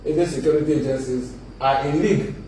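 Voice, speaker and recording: A man's voice: mid-range voice, fairly even intonation, fast, warm tone, a little hiss or hum. A man, a guest on a live panel discussion, explaining his points earnestly. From Nigeria. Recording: echoey room, mic at a distance.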